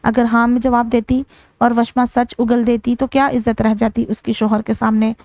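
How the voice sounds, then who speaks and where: Woman narrating a novel, higher voice. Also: level tone, moderate pace, darkish tone, no echo, clean studio sound. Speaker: novel reader. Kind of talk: audiobook narration.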